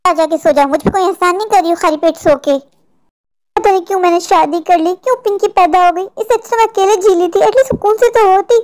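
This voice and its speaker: A woman's voice: extremely high pitch, fairly quick, darkish tone. A woman voicing a discontented young wife in a cartoon dub, complaining bitterly about her poor life. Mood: resentful.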